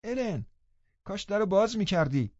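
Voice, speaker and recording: A man voicing a lively teenage girl in an audiobook, speaking in a high girlish manner. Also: dry recording. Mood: anxious. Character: lively teenage girl, playful then anxious. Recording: dull studio audiobook recording.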